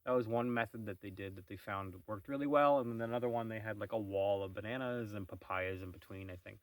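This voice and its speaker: A man's voice: fairly low pitch, fast, dry recording. Rambling man chatting outdoors, slightly distant. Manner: rambling, musing, wry asides. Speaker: vlog host. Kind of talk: casual morning vlog chat. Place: shady outdoor terrace on a mountain farm.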